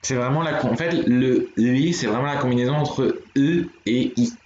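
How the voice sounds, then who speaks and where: A man's voice: medium pitch, normal speed, darkish tone. Patient man teaching on a live stream. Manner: patient, explanatory, talks to chat viewers. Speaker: streamer teaching Korean writing. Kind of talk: live-streamed language lesson. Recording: dull, roomy home stream audio.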